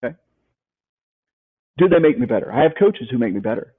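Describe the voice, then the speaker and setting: A man's voice: mid-range voice, big pitch swings, a little fast, slightly rough. A man speaking as a life coach guest in an interview, emphatic and motivational, repeating his key points and asking rhetorical questions. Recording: tinny phone-like line.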